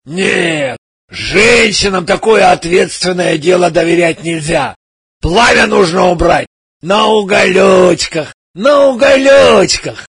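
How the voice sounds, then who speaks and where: A man voicing a boisterous middle-aged army major in an audiobook, loud, hearty and bossy. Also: sits high, expressive, slow, creaky, slightly rough, no room sound, full character voice. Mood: mocking, bossy. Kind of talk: audiobook character voice.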